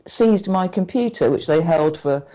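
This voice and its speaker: A woman with a low, mellow voice speaks as a guest in a conversational interview. She talks haltingly and often stops and restarts her sentences as she recounts events. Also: expressive.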